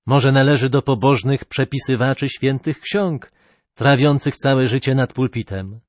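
A man reading a legend aloud as narrator, measured and expressive. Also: mid-range voice, dry recording. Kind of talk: storybook reading.

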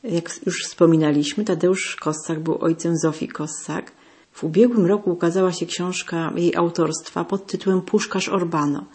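Formal host with a husky voice. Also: mid-range voice, steady tone, normal speed, a little mellow. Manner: formal, polite presenting. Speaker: radio host. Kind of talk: scripted radio presentation.

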